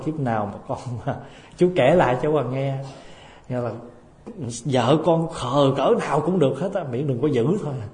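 Male monk, mid-pitched, preaching with anecdotes and rhetorical questions, in an echoey temple hall with long reverb. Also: mellow. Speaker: Buddhist monk. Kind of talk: dharma talk.

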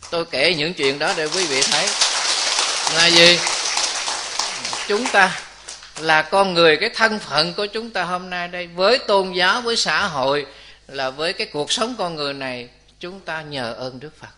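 A man's voice: fairly high pitch, fairly quick, background noise. A man giving a Buddhist dharma talk, telling a village story and speaking directly to his listeners. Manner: lively storytelling, acts out characters' voices, addresses the audience directly. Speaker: Buddhist preacher.

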